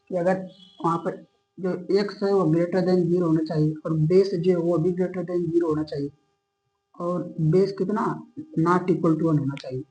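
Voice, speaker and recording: A man's voice: sits high, a little mellow, low-quality recording. A man teaching a maths lesson, explaining step by step in a patient way, often stopping to check that students are following and mixing English maths terms into his sentences. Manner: patient, checks in constantly with "okay?". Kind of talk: classroom lecture.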